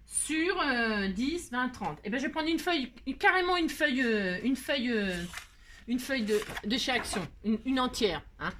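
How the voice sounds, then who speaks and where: A woman's voice: fairly high pitch, fairly bright tone, slight background noise. A middle-aged woman hosting a casual crafting tutorial at her table, chatty and self-mocking, laughing at herself.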